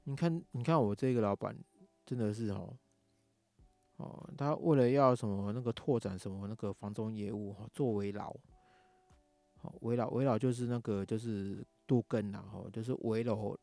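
A man's voice: fairly low pitch, gravelly, warm tone, no room sound. A man with a Taiwanese Mandarin accent, angrily ranting in a casual monologue, swearing often. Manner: angry ranting, heavy swearing. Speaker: podcast host.

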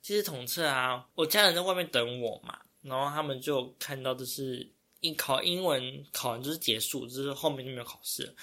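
Animated young Taiwanese man, bright voice. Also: mid-range voice. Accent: Taiwanese Mandarin. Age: young adult. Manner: animated, exclaiming, quick to laugh. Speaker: vlogger. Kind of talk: casual storytelling.

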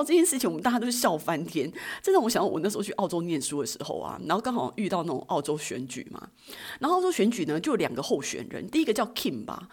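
Taiwanese woman host, fast chatty storyteller, low husky voice, podcast anecdotes. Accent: Taiwanese Mandarin. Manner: animated, giggly anecdotes with acted-out quotes. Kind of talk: casual storytelling.

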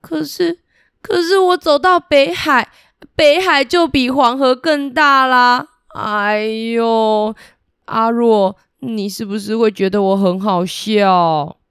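An excitable male river god, boastful and wide-eyed, voiced in a high, bright register as a woman puts him on for a children's storybook. He bursts into exclamations and stammers when he is astonished, and his voice sits close to a dry mic. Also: slow, smooth, dry recording. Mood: rueful.

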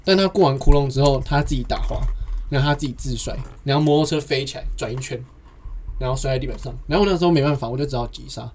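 A young man chats casually on a podcast, spinning long, rambling anecdotes that keep chaining along with "and then." His mid-range voice is a little mellow and moves at a quick pace, with slight background noise in the recording.

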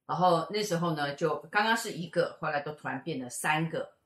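A middle-aged woman tells a story in a casual chat and briskly acts out the people in it. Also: low-pitched. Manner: lively, acts out the voices of people in her stories. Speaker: fortune teller and show co-host. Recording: echoey room.

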